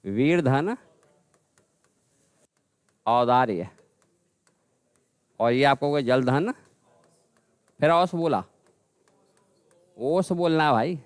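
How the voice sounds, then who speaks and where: A man teaching a grammar lesson, repeating words slowly and calling his students "bhai". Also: mid-range voice, animated, smooth, dry recording. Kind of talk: classroom lesson.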